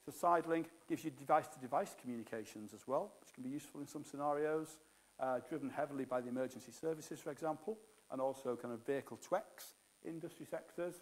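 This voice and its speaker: A man's voice: medium pitch, fast. A middle-aged man giving a technical keynote on a conference stage, explaining with jargon and frequent fillers. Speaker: keynote speaker.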